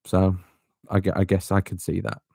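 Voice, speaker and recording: A man's voice: low voice, completely flat delivery, moderate pace, vocal fry, a little mellow, husky, no room sound, clean studio sound. A man hosting a casual football podcast, chatty and teasing, handing the floor to his co-hosts. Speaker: podcast host.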